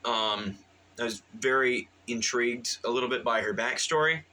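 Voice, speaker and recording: A man's voice: mid-range voice, moderate pace, sharp tone, low-quality recording. A man giving a casual, rambling movie review, full of fillers and restarts and eager in tone.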